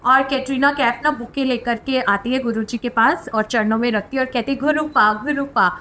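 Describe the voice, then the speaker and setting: A woman earnestly sharing her spiritual experiences as a devotional testimony, in a heartfelt storytelling manner with soft filler words. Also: on the high side, fairly even intonation, a little fast, a little hiss or hum.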